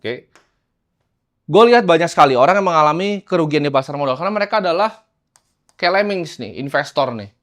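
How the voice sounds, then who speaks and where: Man, fairly high voice, casual investing teacher, chops lines into short bursts. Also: fairly bright tone. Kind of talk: casual lecture over slides.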